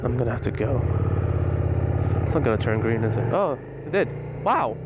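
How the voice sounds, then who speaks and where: A man's voice: medium pitch, lively intonation, normal speed, lo-fi sound. A young man chatting casually while riding his motorbike at night, rambling and thinking aloud into a wired earphone mic inside his helmet. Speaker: motorcycle vlogger. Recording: loud wind and engine noise.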